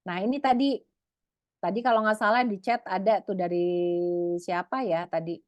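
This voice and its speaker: A woman giving a webinar talk on parenting, lively and acting out parents and children in high voices. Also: normal speed, dry recording, lo-fi sound. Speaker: psychologist speaker.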